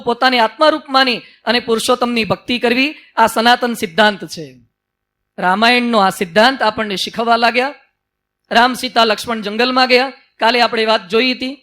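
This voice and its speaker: High, bright-voiced man preaching. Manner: animated storytelling with playful asides. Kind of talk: sermon.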